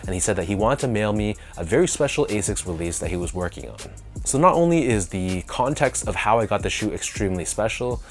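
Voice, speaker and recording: A Canadian man hosting a sneaker review video, sounding nasal from a sinus infection, talking in a relaxed, enthusiastic way with drawn-out emphasis. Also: fairly low pitch, faint music behind. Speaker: sneaker channel host. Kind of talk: casual review talk to camera.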